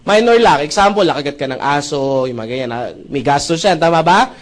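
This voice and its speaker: A man's voice: on the high side, brisk. A man giving a live sales presentation to an audience. He jokes, keeps checking in with the crowd, and mixes English phrases into Filipino speech. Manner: jokey, animated, often asks the audience "right?". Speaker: seminar speaker presenting a business opportunity.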